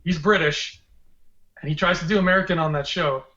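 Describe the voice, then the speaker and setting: Higher-voiced joking man in an echoey room. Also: brisk, pushed and bright. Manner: playful, joking, rambling asides. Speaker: podcast co-host. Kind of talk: casual livestream chat. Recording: dull, echoey room sound.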